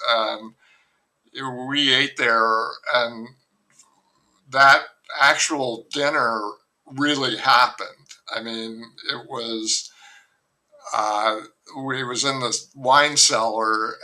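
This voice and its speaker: An older author, interviewed remotely in a casual chat, rambles through long stories and keeps interrupting and restarting himself. His medium-pitched voice sounds pushed and bright, and the audio quality is poor.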